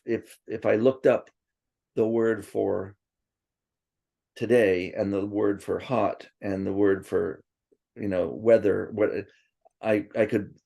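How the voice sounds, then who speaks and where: A lowish, warm voice with vocal fry belongs to a man reminiscing casually in an interview, rambling with plenty of restarts and asides. He was born in Princeton, partly raised in Tokyo, and grew up speaking Swedish first.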